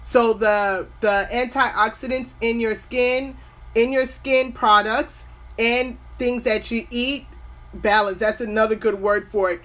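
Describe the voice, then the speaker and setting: A woman's voice: on the high side, steady tone, slow, fairly bright tone. A woman in her forties hosting a skincare video, giving earnest, motivational advice and drifting off topic now and then. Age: 40s. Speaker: skincare host. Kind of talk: casual talking-to-camera advice.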